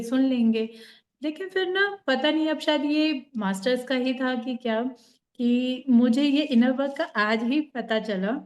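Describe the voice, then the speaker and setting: A woman's voice: a little high, darkish tone. A woman on a group video call telling a personal story in a reflective, conversational way. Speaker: group participant sharing a story. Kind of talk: casual chat on a group call.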